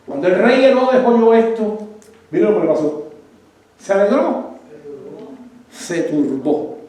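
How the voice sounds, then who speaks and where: A man preaching a sermon as pastor, asking his congregation questions and answering them himself, with lively bursts and laughs. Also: high voice, normal speed, roomy sound.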